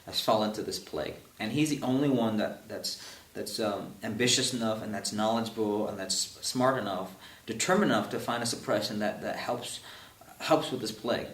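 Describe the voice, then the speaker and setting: A young man, an actor, chatting in an interview, halting and often repeating his words. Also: lowish voice, fairly bright tone. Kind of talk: casual interview chat. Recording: echoey room, distant mic, faint hiss.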